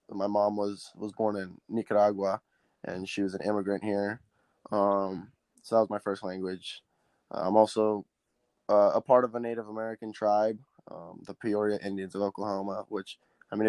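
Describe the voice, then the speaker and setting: The high school quarterback guest, a Southern California teen and native Spanish speaker, earnestly fields interview questions, restarting often and saying um a lot. He has a lowish, darkish male voice, captured in a dry recording.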